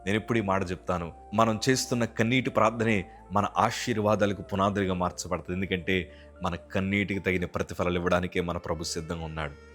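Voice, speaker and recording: A man with a low voice delivers a devotional sermon as a pastor. He speaks in an earnest, pleading way. Faint instrumental music plays behind him. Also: fairly even intonation, fast talker, fairly bright tone.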